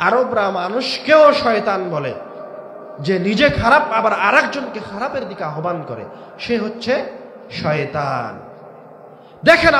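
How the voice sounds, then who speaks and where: A man preaching a waz sermon, swinging between shouted emphasis and low drawn-out words, with rhetorical questions to the crowd. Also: echoey room, a little hiss or hum. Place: large outdoor religious gathering.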